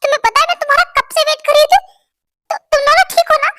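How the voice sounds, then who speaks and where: A woman's voice: very high-pitched, fairly even intonation, rapid-fire, fairly bright tone, dry recording, voice pushed up. A woman voicing an anxious, caring elder sister who scolds her younger sisters through tears, in a Hindi fan-dub story. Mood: worried scolding. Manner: fretful, scolding, tearful.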